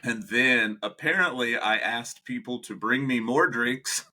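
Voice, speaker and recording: A young man co-hosting a podcast, telling animated stories in casual chat, laughing often and acting out what people said. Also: medium pitch, a little slow. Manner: animated storyteller, laughs often, acts out quotes. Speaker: podcast co-host.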